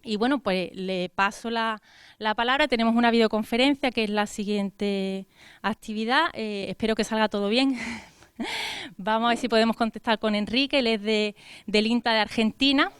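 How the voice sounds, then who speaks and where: A woman's voice: fairly high pitch, brisk, a bit bright, clean tone, no room sound, studio quality. A woman presenting a technical seminar as organizer, informal and chatty, with filler words. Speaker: event organizer.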